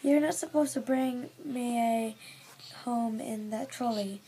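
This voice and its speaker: A woman voicing a young child in a storybook read aloud, pleading with slow, stressed words. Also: on the high side, dark tone, a little hiss or hum, low-quality recording. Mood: protesting. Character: young child protesting to grandmother.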